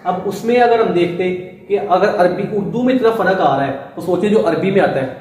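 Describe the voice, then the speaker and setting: A male teacher with a high, slightly mellow voice lectures a class on Urdu and Arabic, going step by step and slowly, repeatedly asking "ٹھیک ہے؟" to make sure students are following. The room is very echoey and the mic sits at a distance.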